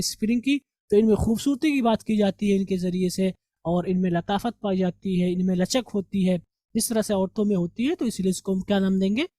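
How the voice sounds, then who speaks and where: A man's voice: high voice, dark tone, dry recording. A male English teacher giving a grammar revision lesson, patiently explaining step by step and answering his own rhetorical questions. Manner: asks rhetorical questions, then answers them himself.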